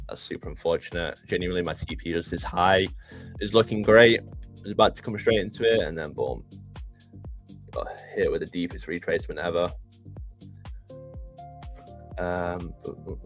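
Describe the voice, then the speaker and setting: Young UK man, very deep voice, relaxed stream co-host, soft music underneath. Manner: laid-back, chatty, greets chat. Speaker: live trading stream co-host. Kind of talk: casual live-stream chat. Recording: faint music behind.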